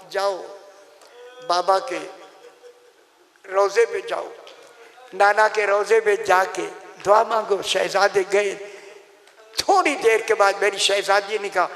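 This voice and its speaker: A man's voice: sits high, fairly bright tone. A male preacher giving a mourning sermon with a Punjabi-influenced Urdu accent, wailing and drawing out his lines in a lamenting delivery. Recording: hall reverb.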